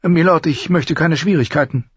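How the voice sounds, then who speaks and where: A man's voice: a little high, normal speed, breathy edge, no room sound, highs cut off, voice pushed up. A man voicing a stubborn middle-aged male master armorer in an audiobook, defensive and insistent.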